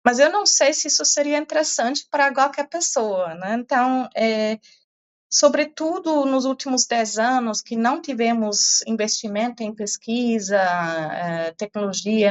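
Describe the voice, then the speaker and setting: Answering interview questions with care, this climate science professor, middle-aged, German-born and European Portuguese-accented, often restarts and leans on fillers. She speaks at a fairly high pitch in dull-sounding audio.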